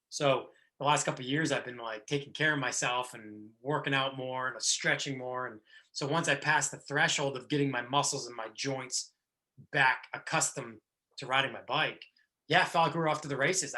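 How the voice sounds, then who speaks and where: A man's voice: on the high side, sharp tone. A man in his thirties hosting a podcast, talking casually and rambling with many restarts. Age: 30s. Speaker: podcast host. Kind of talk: casual chat.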